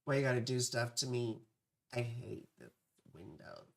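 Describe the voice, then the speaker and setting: Creaky vocal fry, casual livestream astrology host. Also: mid-range voice, expressive, normal speed. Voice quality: vocal fry, dry parched voice. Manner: playful, scattered, self-interrupting, with affectionate asides. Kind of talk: casual rambling livestream chat with viewers.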